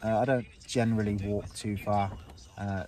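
Speaking with a fairly low, steady, darkish voice at a moderate pace, an Englishman in his forties vlogs from a small tent on open moorland. He rambles cheerfully to his close-held phone camera, filling gaps with plenty of ums.

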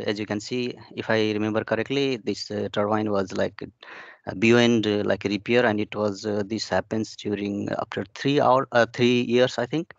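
Giving a webinar presentation on his research, a young PhD student from Nepal speaks in a fairly low voice, stumbling through many fillers and restarts. The call audio is muffled and dry, without any room sound.

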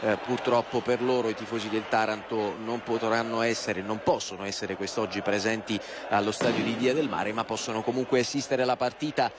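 A man's voice: lowish voice, little pitch movement, fairly quick, hardly any pauses. A man doing live play-by-play football commentary for television. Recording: live broadcast over loud stadium noise. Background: outdoor stadium ambience.

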